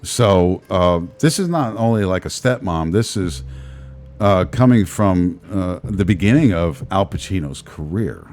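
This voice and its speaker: A man's voice: low-pitched, lively intonation, a little slow, darkish tone. A man with a Brooklyn accent hosting a talk show in a casual, rambling way, often repeating his phrases. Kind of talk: casual live show chat.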